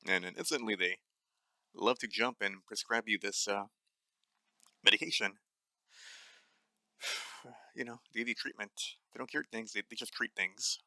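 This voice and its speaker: Ranting alone on his nutrition podcast, this young adult host is blunt and angry, cursing frequently and stumbling through fillers and restarts. His dry voice is on the low side, bright and forceful, at normal speed with frequent pauses and no echo.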